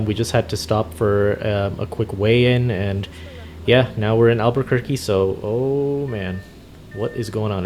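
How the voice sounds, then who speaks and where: A gaming host playing a trucker chats casually and off the cuff during gameplay, sounding easygoing and a little hesitant. His voice is lowish and darkish in tone, with slight background noise.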